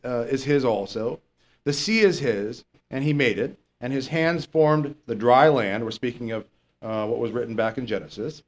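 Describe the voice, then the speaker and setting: A man with a lower, not especially strong voice teaches the Bible verse by verse as a pastor. He keeps it conversational and reads the scripture slowly, with emphasis.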